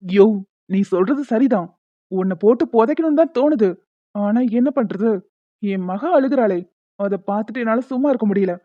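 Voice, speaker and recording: A woman's voice: a little high, normal speed, no echo, natural voice. A woman voicing a scheming young husband in a cartoon serial, scornful and muttering his plans. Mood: vengeful. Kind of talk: Tamil cartoon serial voice acting. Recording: dull lo-fi sound.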